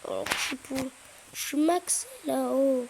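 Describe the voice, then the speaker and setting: A woman chatting through her gameplay, with lots of hesitant fillers and sudden excited yelps. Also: high-pitched, unhurried, creaky, noisy background. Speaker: gaming YouTuber. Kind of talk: casual gameplay commentary.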